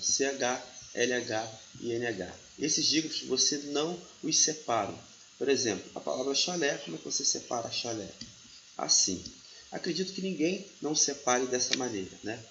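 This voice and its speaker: A man's voice: medium pitch, a bit bright, slight background noise. A man, teaching a grammar lesson step by step and often checking in with the listener. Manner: didactic, checks in with "tá bom?". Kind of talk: explaining a lesson. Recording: echoey room, slightly dull audio.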